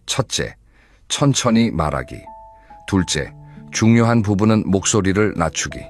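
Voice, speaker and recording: Male narrator with a very low voice. Calm, measured advice read from a script. Faint music underneath. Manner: calm, measured and advising, speaking directly to the listener. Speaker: narrator of advice videos for older listeners.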